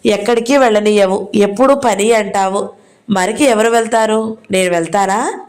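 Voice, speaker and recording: A woman's voice: mid-range voice, moderate pace, a little mellow, natural voice. Sulky young boy in an audio novel, petulant and whiny; voiced by a woman reader. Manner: petulant, whining complaints.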